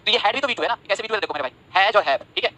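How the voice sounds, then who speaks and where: A high, bright male voice that rushes through a live online grammar class. He repeats himself constantly and keeps asking whether the viewers follow him. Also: lively intonation, low-quality recording. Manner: repeats phrases, asks "samajh rahe ho" often; drops to a low, soft voice when apologizing. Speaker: online English grammar teacher. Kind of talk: live-streamed class, reading chat comments.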